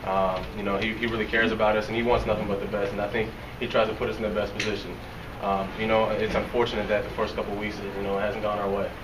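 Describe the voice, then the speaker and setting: A young man in his twenties answering reporters after a game, talking quickly and softly with many fillers and restarts. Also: lowish voice, flat delivery. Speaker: football player at a press conference. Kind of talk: post-game press interview. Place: locker room press area, indoors. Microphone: reporters' recorders held close. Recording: roomy, from a distance, noisy.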